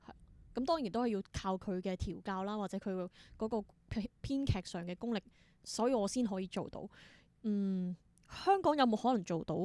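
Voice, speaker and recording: Recorded dry, this theatre performer and creator has a medium-pitched, dark-toned voice. As a guest in a reflective interview conversation, she speaks thoughtfully with a Hong Kong Cantonese accent and slips English words into her talk.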